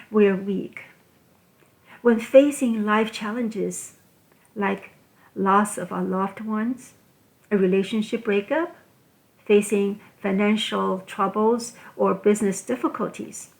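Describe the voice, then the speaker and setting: A woman from Taiwan hosts a scripted solo talk in English. She speaks in a measured, deliberate way and sets out her points one at a time. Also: medium pitch, rough recording. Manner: measured, deliberate delivery listing items one by one. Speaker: podcast host.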